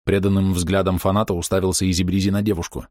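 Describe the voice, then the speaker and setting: A man narrating an audiobook in an expressive storytelling manner. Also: sits low, fast, no echo, studio quality. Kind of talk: scripted narration.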